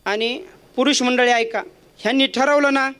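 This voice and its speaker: A man's voice: extremely high pitch, fairly even intonation, normal speed, pushed and bright, clean tone. A man preaching a kirtan sermon, telling a comic household story in a playful, jokey way. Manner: playful, jokey, acts out voices.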